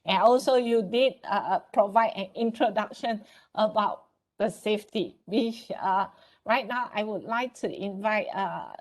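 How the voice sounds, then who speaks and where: A woman moderating a webinar over a video call. Her pitch stays in the middle, and she speaks in brisk, courteous turns as she thanks one speaker and invites the next. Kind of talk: moderating an online panel.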